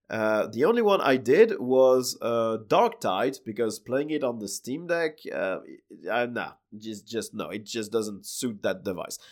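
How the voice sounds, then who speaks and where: A man with a French accent hosting a solo tech news podcast, his voice hoarse and cracked from being sick, chatty and loose with many fillers. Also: medium pitch. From France. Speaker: podcast host.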